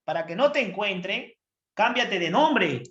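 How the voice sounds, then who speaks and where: A man's voice: high voice, animated, measured pace, fairly bright tone, lo-fi sound, voice pushed up. A man playing a protective, kindly brain in a classroom story, giving reassuring advice in a raised voice. A roomy echo surrounds it. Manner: reassuring, advising.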